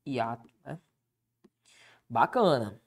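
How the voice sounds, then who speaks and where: Animated Brazilian woman teaching. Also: very deep voice, extremely slow. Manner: checks in often with rhetorical questions. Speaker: exam-prep teacher. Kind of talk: recorded exam-prep lesson.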